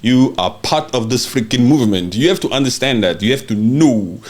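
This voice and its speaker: A man's voice: mid-range voice, expressive, fairly quick, a little mellow. A man from Congo hosting a political podcast, talking in a fiery, emphatic way, swearing and often asking if the listener understands. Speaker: podcast host. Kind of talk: impassioned political talk.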